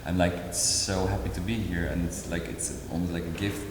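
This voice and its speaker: Interviewed as an artist, a man in his forties originally from Indonesia keeps stopping, restarting and filling gaps as he talks. His voice sits low with little pitch movement, and the echoey hall adds faint background noise.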